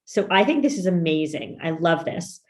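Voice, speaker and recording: Upbeat woman podcast host, slightly low voice. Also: sing-song, normal speed. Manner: upbeat, emphatic, says "y'all". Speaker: podcast host and business coach. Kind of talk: podcast interview.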